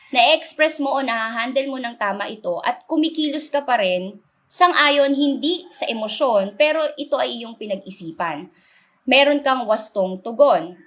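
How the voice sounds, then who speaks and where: A Filipino woman with a slightly high voice speaks as a teacher giving a lesson. She explains in patient, simple steps and often stops for a short check-in question. She moves freely between two languages as she goes. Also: fairly bright tone. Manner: switches between Tagalog and English.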